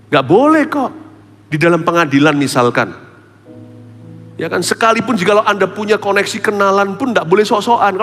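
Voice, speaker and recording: A male pastor delivers a sermon from a church stage, his fairly high voice carrying a long reverb across the auditorium. He talks casually, dropping English words in, and swings from loud exclaiming to low, hushed asides. Faint music plays underneath. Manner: casual slangy Jakarta-style speech mixed with English words.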